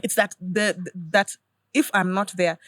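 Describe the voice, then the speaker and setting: A woman, a podcast guest chatting casually and acting out lively stories about her children. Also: mid-range voice, moderate pace, dry recording, clean studio sound. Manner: animated storyteller who acts out her kids' lines. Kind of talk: casual conversation.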